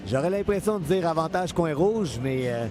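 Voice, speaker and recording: A man's voice: fairly high pitch, animated, normal speed, over music. A man with a Quebec French accent giving live, unscripted boxing commentary, analytical and often repeating his phrases.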